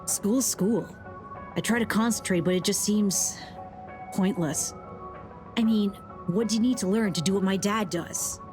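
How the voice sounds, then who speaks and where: A woman's voice: medium pitch, a little slow, natural voice. A woman voicing a curious, mischievous young schoolboy in a video game, speaking casually and conspiratorially with a touch of world-weariness. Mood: pensive. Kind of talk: video game character dialogue. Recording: music behind the voice. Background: clear music.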